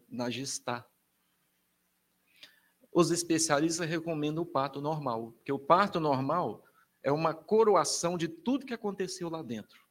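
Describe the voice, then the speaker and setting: Emphatic Brazilian priest, slightly high voice. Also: male voice. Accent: Brazilian Portuguese. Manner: emphatic, colloquial, with wide swings in pitch and loudness. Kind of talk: lecture to families.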